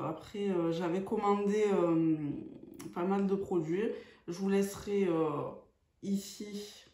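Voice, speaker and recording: A woman talks through a makeup tutorial at an unhurried pace, hesitating often with fillers. Her voice sits in a middle range and bounces around an echoey room. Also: mid-range voice, darkish tone. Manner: hesitant, many fillers, slow and chatty. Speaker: beauty vlogger.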